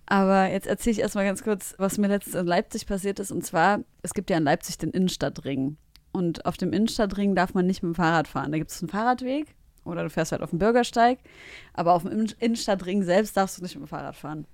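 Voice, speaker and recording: A woman in a casual podcast chat, telling lively stories in slangy everyday talk. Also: lowish voice, fast, dry recording, studio quality.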